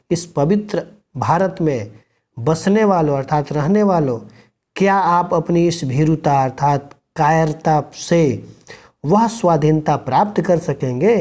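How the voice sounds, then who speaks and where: Male teacher, classroom lesson, slow deliberate delivery, mellow tone, reads then explains, exhorts students. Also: on the high side. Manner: reads a passage aloud, then explains it line by line, urging students. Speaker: school Hindi teacher.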